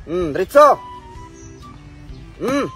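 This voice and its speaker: A man dealing a card game, briskly calling numbers and bets. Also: sits high, very animated, pushed and bright, faint music behind. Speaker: card dealer.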